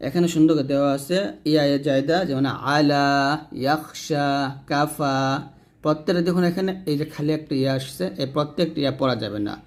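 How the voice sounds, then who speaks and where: A man teaching the rules of Quran recitation step by step, speaking to viewers and slowly drawing out the example words. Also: a little high, darkish tone. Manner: addresses viewers directly, pointing at the page. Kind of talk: tajweed lesson, explaining rules.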